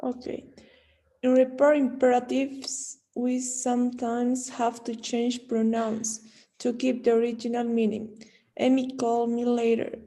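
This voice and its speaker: Female student, slow careful reading, flat and somewhat high. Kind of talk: reading aloud in class.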